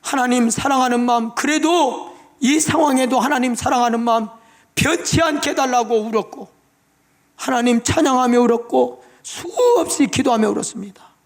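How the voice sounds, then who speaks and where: A man's voice: extremely high pitch, moderate pace. A male pastor preaching in a church, giving an emotional testimony with pleading prayers. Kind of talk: sermon. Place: church sanctuary.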